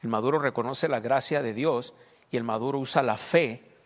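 Preacher in an echoey hall. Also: male voice, mid-range voice, normal speed. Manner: asks rhetorical questions and answers them himself. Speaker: pastor. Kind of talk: sermon.

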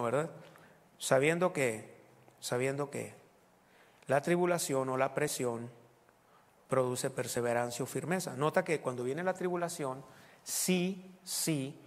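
A man preaching a sermon, reading scripture aloud and explaining it, with playful asides and loud exclamations. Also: mid-range voice, long reverb tail. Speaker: pastor.

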